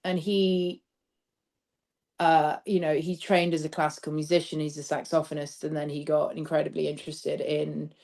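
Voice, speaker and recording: A woman with a low, darkish voice and vocal fry talks at a moderate pace in a flat way. As a theatre director in a casual interview about stage work, she is thoughtful and discursive, letting her phrases trail off as she explains.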